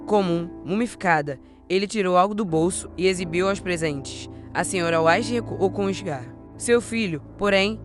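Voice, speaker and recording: Guy with a high voice reading a spooky story, faint music under it. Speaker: narrator. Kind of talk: scripted storytelling narration. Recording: soft background music.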